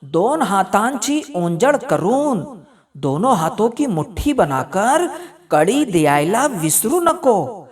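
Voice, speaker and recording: A woman from India teaching a recorded lesson to children, reading a poem line by line and then explaining it. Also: husky. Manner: sing-song, slow recitation with lively pitch.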